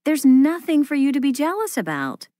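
A woman voicing a young woman soothing her boyfriend in a scripted textbook dialogue, slow and clearly articulated. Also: sits high, sing-song, warm tone, dry recording, clean studio sound, heavily acted.

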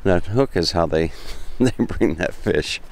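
A man's voice: low-pitched, animated, takes it slowly, gravelly. An American man from Florida narrating a walking vlog on a seaside pier, chatty and repeating himself as he looks around. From Florida, United States. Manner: chatty, repeats phrases while looking around. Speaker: vlogger. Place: outdoors on a long seaside pier.

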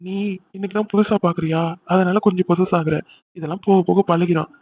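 Guy doing a playful teasing young husband, cartoon, rattles along fast, muffled audio. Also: high voice, fairly even intonation, darkish tone, slight background noise. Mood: coaxing. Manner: teasing, coaxing. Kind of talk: cartoon voice acting.

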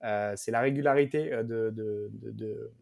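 A man co-hosting a tech podcast, talking casually and haltingly with many "euh" fillers and stutters. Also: on the low side, gravelly, a little mellow, no room sound, clean studio sound. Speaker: podcast co-host. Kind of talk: casual chat.

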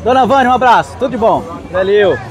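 Walking through an outdoor street market, a Brazilian vlogger speaks at a quick pace in a high-pitched voice with lively intonation, giving his viewers enthusiastic, casual commentary directly. Faint music plays behind, along with busy crowd and traffic noise.

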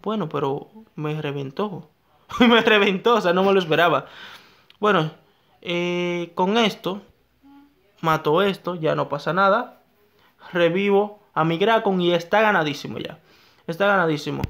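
A young man giving excitable live gameplay commentary, talking to himself and his viewers and repeating his phrases. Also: high-pitched, measured pace. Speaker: gaming YouTuber.

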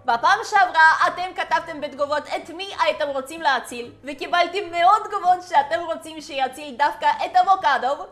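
A woman's voice: sits high, a bit bright. A young woman gaming YouTuber giving playful commentary over gameplay, teasing and scolding the characters in a chatty way.

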